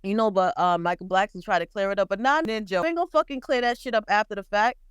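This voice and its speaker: A woman co-hosting a podcast, chatting bluntly and profanely about celebrity gossip with lively storytelling. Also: mid-range voice, quick pace, clean tone, no echo. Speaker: podcast co-host. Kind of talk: casual pop-culture chat.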